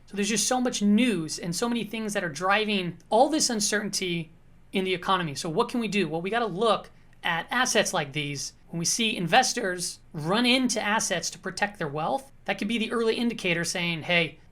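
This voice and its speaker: Talking through charts in a relaxed, chatty way, this woman hosts an informal market commentary and keeps checking in with whoever's watching. She's a bit hoarse, medium-pitched, fairly quick, and fairly bright in tone.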